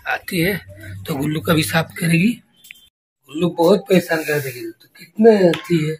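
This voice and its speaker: A man's voice: on the high side, moderate pace, slight background noise. A man chatting casually to his viewers in a home vlog, recorded on a handheld phone at home. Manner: chatty, keeps addressing viewers as friends. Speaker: family vlogger.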